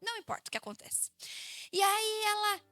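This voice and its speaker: A woman in her thirties with a Brazilian Portuguese accent, a pastor preaching a sermon in a church, telling stories with lively acted-out voices. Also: very high-pitched, a little fast, faint music behind. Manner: lively storytelling, acts out quoted voices.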